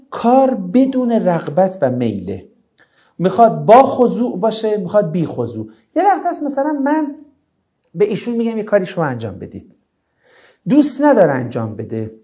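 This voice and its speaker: A male teacher explaining a lesson to his class, often asking rhetorical questions. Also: high voice. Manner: animated, explanatory.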